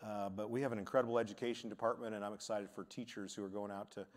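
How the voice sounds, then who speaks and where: A man's voice: on the low side, fairly even intonation, very fast. A man hosting a university chapel, introducing student speakers in an encouraging way. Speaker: chapel host. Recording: hall reverb, audience faint.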